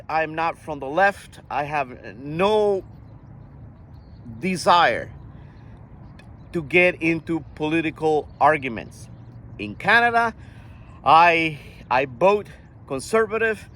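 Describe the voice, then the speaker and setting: An older man from Costa Rica talking earnestly in a casual monologue, often halting and restarting his sentences. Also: fairly high pitch, expressive, pushed and bright, slight background noise. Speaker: vlogger.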